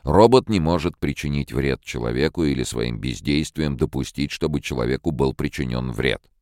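A man's voice: a bass voice, animated, normal speed, a little mellow, no room sound, studio quality. A man voicing an irritable, snappish mathematician in an audiobook. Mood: irritated.

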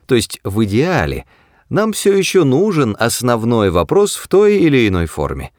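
A man's voice: medium pitch, wildly swooping pitch, moderate pace, a little mellow, no echo, studio quality, pitched above the performer's own voice. Frankie, a fed-up talking mouse, as a man puts him on. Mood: weary. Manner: chatty, tired and fed-up.

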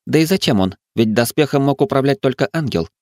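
A man's voice: medium pitch, animated, brisk, darkish tone, no echo, clean studio sound, pitched above the performer's own voice, natural voice. A man voicing Tara, an earnest, devoted young woman.

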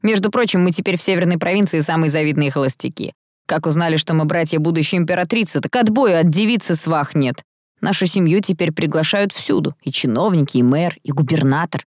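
A woman's voice: low voice, a little fast, darkish tone, no echo, studio quality. Brash teasing young brother, read by a woman. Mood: boastful. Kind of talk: audiobook character voice.

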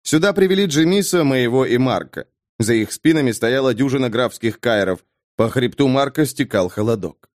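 A male narrator reads a fantasy tale with expressive, dramatic delivery. His pitch sits mid-range but moves a lot. The recording is dry and close. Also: moderate pace, no room sound. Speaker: audiobook narrator. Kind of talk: scripted narration.

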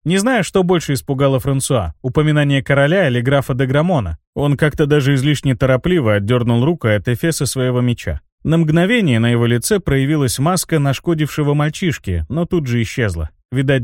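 A man narrating a first-person fantasy audiobook in a measured, wry storytelling manner. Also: medium pitch, lively intonation, darkish tone, no room sound, clean studio sound.

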